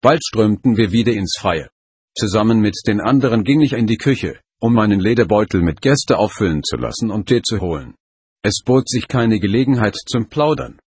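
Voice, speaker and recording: A man reading a first-person story aloud in a steady, measured way. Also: on the low side, slightly rough, no echo, clean studio sound. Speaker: audiobook narrator. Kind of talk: scripted first-person narration.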